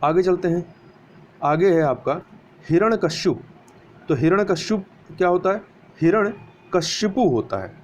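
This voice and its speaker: A man's voice: sits high, lively intonation, moderate pace. A man teaching a spelling lesson for exam preparation, explaining step by step and answering his own questions. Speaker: Hindi grammar teacher. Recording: dull lo-fi recording with faint hiss.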